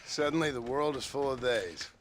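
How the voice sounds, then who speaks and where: An actor voicing a terse, hardened former outlaw, dry and quietly menacing. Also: male voice, medium pitch, lively intonation, normal speed, slight background noise, natural voice.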